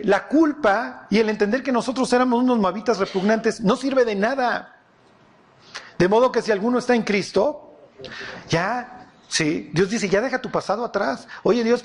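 Preacher guy, high voice, lively, keeps asking the crowd questions. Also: normal speed. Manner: animated, quizzing the audience with questions. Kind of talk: sermon.

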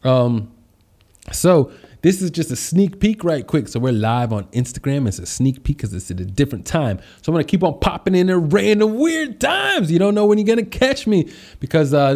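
A man's voice: on the high side, very animated, moderate pace. A man hosting a casual live stream as a podcast host and public speaker, chatting in a slangy, exuberant way and greeting viewers. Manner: upbeat, exuberant greetings and shout-outs; slangy, conversational.

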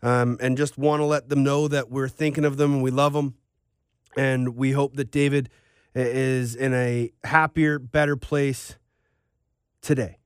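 A man's voice: medium pitch, little pitch movement, a little slow, smooth, no room sound, studio quality. A man hosting a sports podcast, talking in a casual, rambling, conversational way.

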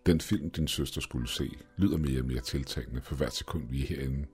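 A man reading a story aloud, voicing a nervy, complaining young male friend in his own deep voice. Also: a little mellow, soft background music. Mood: uneasy.

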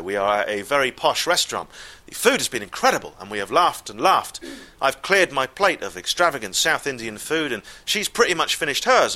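A man telling a comic story live, wry and exasperated, with deadpan asides. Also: medium pitch.

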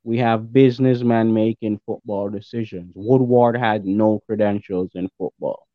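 A man's voice: lowish voice, steady tone, normal speed, dry recording. A man heard over a thin, phone-like connection with a dry sound. He is a podcast guest talking football casually, giving emphatic opinions and hammering his points by repetition. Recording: thin, band-limited remote call sound.

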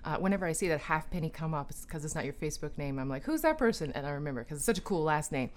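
A female podcast host with a deep, expressive voice races through casual spiritual talk and breathing guidance. She rambles enthusiastically, restarting often and using lots of fillers.

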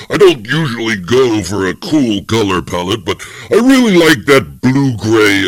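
A man playing a bragging deadpan alien warlord. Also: lowish voice, no room sound, exaggerated voice. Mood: vain. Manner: bragging, deadpan, casually brutal. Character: boastful male alien warlord showing off photos.

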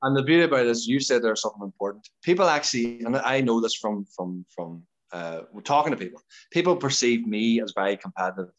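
An Irish-accented man chats as a podcast guest in a medium-pitched voice. He talks informally and with emphasis, often repeating words as he builds up a point. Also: animated, fast, few pauses. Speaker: podcast guest, competitive dancer. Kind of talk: casual conversational interview.

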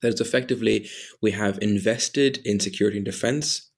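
A man in his late twenties from Ireland, answering interview questions in a measured, articulate way with small restarts. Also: fairly low pitch, husky. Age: 20s. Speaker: interview guest.

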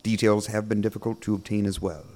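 Man playing a pompous, mellow-voiced horror host. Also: lowish voice, flat delivery, quick pace, close to an everyday voice. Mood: chatty, curious. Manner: pompous, theatrical, formal phrasing. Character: pompous, eager male horror host playing roving reporter. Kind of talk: scripted horror audio drama narration.

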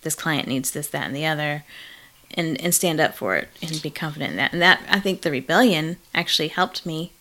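Middle-aged woman, low-pitched, reflective interview guest who pauses often. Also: pushed and bright. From Malawi. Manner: reflective, frequent ums and laughs. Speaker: therapist in private practice. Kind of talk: casual interview conversation.

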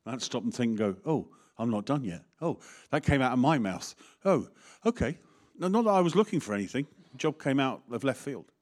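A man preaching as the vicar of his parish. His voice sits at a middle pitch, and his manner is candid and conversational, full of asides and wry jokes. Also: sing-song, a little fast, hardly any pauses. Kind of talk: sermon.

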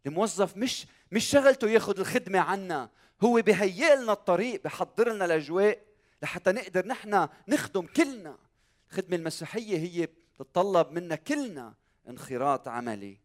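A man's voice: sits high, lively intonation, fairly quick. A man with a Lebanese Arabic accent preaching a church sermon as a pastor, emphatic, repeating key phrases and putting rhetorical questions to his listeners.

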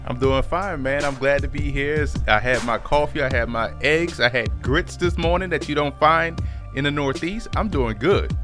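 A man's voice: a little high, normal speed, music in the background. A young man co-hosting a casual sports show in a studio, chatty and storytelling, often restarting his words. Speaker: podcast co-host. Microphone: studio mic on camera.

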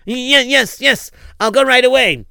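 A man's voice: very high-pitched, measured pace, gravelly, pushed and bright, smooth, no echo, clean studio sound, pitched above the performer's own voice, exaggerated voice. A man playing an anxious father who rambles and stammers through his story. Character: anxious, flustered father pleading for help.

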